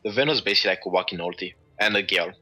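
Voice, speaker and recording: A man's voice: sits low, rapid-fire, sharp tone, poor audio. A man giving casual esports analysis as co-caster, chatty critiques full of "like".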